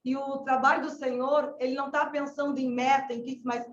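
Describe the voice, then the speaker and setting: A woman from southern Brazil with a Gaúcho accent shares her missionary testimony, crying out to the Lord again and again. Her voice sits high, and it sounds distant and slightly muffled, ringing in a reverberant space. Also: little pitch movement, fairly quick, a little hiss or hum. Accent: Gaúcho Brazilian Portuguese. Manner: fervent, exclamatory, often calling out to the Lord. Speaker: missionary colporteur. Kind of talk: emotional religious testimony. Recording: echoey, distant, dull-sounding room recording.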